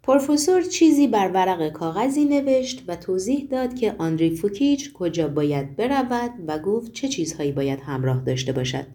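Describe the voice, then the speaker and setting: A woman narrating a novel aloud in a measured, even reading style. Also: fairly low pitch. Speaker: audiobook narrator. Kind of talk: storybook narration.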